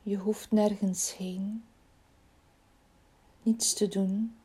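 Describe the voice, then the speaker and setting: Woman, meditation guide, soothing and unhurried, soft near-whisper, breathy, warm dark tone. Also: medium pitch, flat delivery. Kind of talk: guided body-scan relaxation.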